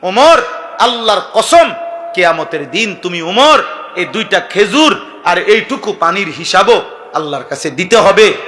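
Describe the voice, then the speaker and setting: A man from Bangladesh preaching a sermon with a Bangladeshi Bengali accent, fervent and repetitive, rising to loud emphatic peaks. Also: high-pitched, lively intonation, measured pace.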